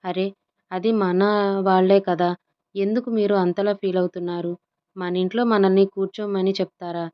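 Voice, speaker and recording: Gentle young wife, soft placating voice, read by a woman storyteller, dull lo-fi sound. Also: mid-range voice, little pitch movement, moderate pace, lightly acted. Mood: coaxing.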